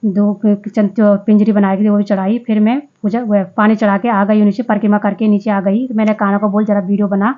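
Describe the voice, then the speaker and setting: A woman's voice: mid-range voice, flat delivery, brisk, few pauses, narrow, tinny audio. A woman vlogger narrating her day in a casual voice-over, chatty, often restarting and correcting herself.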